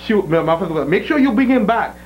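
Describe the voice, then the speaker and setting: A man's voice: sits high, expressive, racing, dull audio, a little hiss or hum. A middle-aged man from Haiti hosting a cable access TV interview, chatty, laughing often and restarting his phrases. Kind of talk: casual interview chat.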